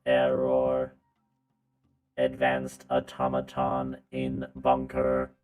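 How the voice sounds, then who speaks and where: A man's voice: extremely low pitch, monotone, extremely slow, narrow, tinny audio, soft background music, exaggerated voice. A man voicing a malfunctioning robot drone, a glitching machine that keeps repeating error messages in a tabletop game.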